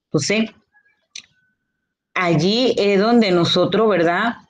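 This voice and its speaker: A woman teacher giving a grammar lesson, explaining slowly and answering her own questions, with a Honduran Spanish accent. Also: mid-range voice. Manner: slow, explanatory, rhetorical questions.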